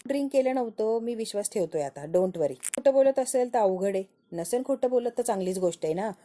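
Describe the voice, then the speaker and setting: A woman's voice: a little high, expressive, brisk, dark tone, lightly acted. A woman doing a stern, lecturing elder brother. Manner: lecturing, reproachful.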